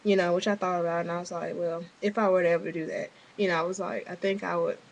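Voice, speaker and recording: A woman's voice: fairly low pitch, little pitch movement, fast, slight background noise, poor audio. A young woman giving a casual, rambling video diary update, full of fillers and restarts and an offhand, frustrated edge. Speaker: vlogger.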